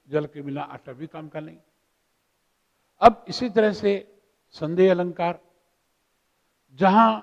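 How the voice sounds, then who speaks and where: A man's voice: fairly high pitch, darkish tone, lo-fi sound. Middle-aged male lecturer, repeats his phrases, recites verse; long reverb of a hall. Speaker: Hindi literature teacher. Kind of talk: lecture on figures of speech.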